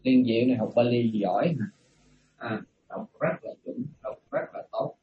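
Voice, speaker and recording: A man's voice: mid-range voice, fairly even intonation, normal speed, dull audio, a little hiss or hum. A man, a monk, patiently teaching Pali pronunciation in an online class and repeating the key sounds.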